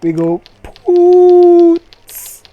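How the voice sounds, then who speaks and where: A game streamer delivers over-the-top, mock-grandiose commentary punctuated by muttered swearing. He sounds very high-pitched and extremely animated, stretching his words out, and the audio is lo-fi.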